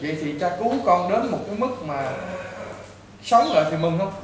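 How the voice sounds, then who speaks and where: A high-pitched man with a Southern Vietnamese accent, a priest who counsels a patient in blunt, repetitive lectures. He sounds distant from the microphone. The room is strongly echoey, with clear background noise. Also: lively intonation, normal speed. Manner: blunt, repetitive, lecturing, addressing the listener as a child. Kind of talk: informal counseling talk to a patient.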